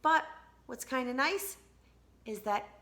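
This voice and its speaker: High-pitched and expressive, a female teacher reads a storybook aloud to kids. She addresses the children directly and draws out her emphasized words.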